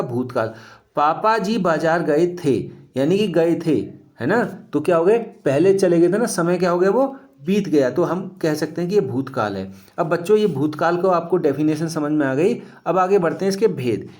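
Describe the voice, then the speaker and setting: A man teaching a grammar lesson to children. His voice sits a little high for a man. He explains each point step by step and keeps asking quick questions back to his students. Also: a little mellow.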